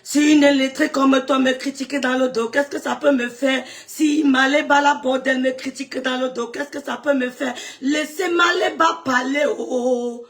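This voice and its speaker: Defiant high-pitched woman ranting at critics. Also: fairly even intonation, moderate pace, few pauses. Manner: insulting, defiant, swings between mocking laughter and shouting. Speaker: online content creator. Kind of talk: heated monologue answering critics.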